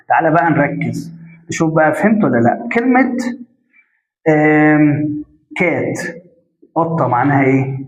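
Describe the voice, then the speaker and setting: A man with an Egyptian Arabic accent teaching a grammar lesson step by step, putting questions to the class and answering them himself, and stretching out example sounds. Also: fairly high pitch. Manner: drawn-out spoken examples. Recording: echoey room, dull lo-fi sound.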